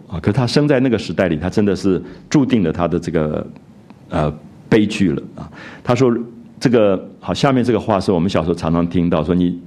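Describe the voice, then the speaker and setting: An older man giving a conversational literature lecture, often adding a drawn-out "ah" and restarting phrases. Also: sits low, dark tone. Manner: conversational, frequent filler "啊" and restarts, quotes characters in raised voice.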